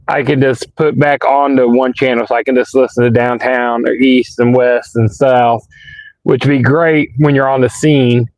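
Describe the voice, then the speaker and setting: A man with a sore, hoarse voice, rambling casually as he chats with viewers on a live stream. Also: mid-range voice, a little mellow, dry recording, low-quality recording. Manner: rambling, colloquial, answers chat comments. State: hoarse, sick with sore throat.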